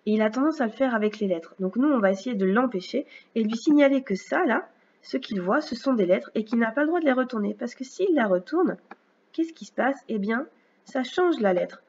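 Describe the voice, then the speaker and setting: A woman teacher giving a recorded phonics lesson, speaking slowly and clearly with patient explanations for a young child. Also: on the high side, expressive, darkish tone, lo-fi sound. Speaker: first-grade teacher.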